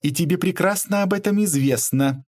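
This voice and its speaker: A man's voice: sits high, normal speed, a little mellow, no room sound, clean studio sound, pitched above the performer's own voice, lightly acted. A man voicing an imposing, theatrical middle-aged woman who shrieks and accuses. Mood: pleading.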